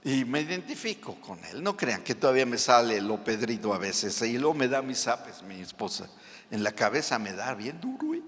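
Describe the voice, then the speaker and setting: A man preaching a sermon as pastor, animated, with joking asides and dramatic readings. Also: mid-range voice, moderate pace. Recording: long hall reverb.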